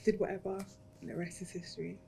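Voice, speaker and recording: A woman in her thirties with a London accent, telling her story in an interview. She acts out what she said back then, jumping from hushed asides to loud bursts. A low hum of background noise runs under the recording. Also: fast talker, creaky. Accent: London English. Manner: animated storyteller, acts out her own past lines. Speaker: interviewee, graduate. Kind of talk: casual interview chat.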